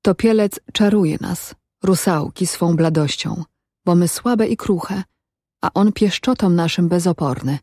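A woman voicing a beguiling female water nymph who speaks softly and pleads in a storybook reading. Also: on the low side, unhurried, dry recording, clean studio sound. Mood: entreating. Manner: soft, pleading speech.

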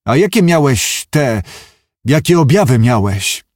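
A man's voice: medium pitch, sing-song, a little slow, darkish tone, dry recording, clean studio sound. A man reading an audiobook, voicing an earnest, brooding man who muses and argues at length. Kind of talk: audiobook character voice.

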